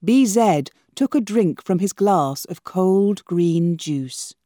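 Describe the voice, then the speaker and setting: Woman narrator for a learner reader, slow and mellow, clear measured phrasing. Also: on the low side, expressive, no echo, studio quality. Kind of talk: storybook reading for learners.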